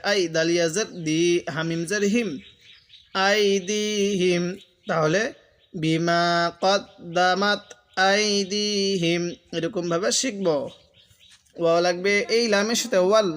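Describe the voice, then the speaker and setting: High-voiced man teaching slow recitation. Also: a bit bright. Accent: Bangladeshi Bengali. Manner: slow, drawn-out chanting of syllables between plain explanations. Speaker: Quran reading teacher. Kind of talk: spelling-out recitation lesson.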